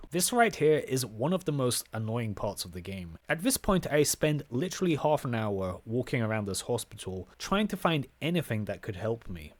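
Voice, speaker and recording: A man narrates his playthrough of a horror game with dry sarcasm and exasperation. His pitch swings widely as he reacts. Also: no echo. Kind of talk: gameplay commentary.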